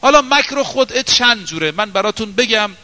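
Bright-voiced preacher man in a reverberant hall. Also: high voice, lively intonation. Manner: dramatic, swings between raised and hushed delivery. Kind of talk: sermon storytelling.

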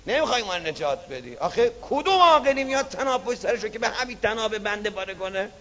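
A preacher playing a desperate climber pleading. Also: male voice, high-pitched, lively intonation. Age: 40s. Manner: loud, pleading, protesting. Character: desperate middle-aged male climber, pleading. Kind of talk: sermon storytelling. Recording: dull lo-fi recording.

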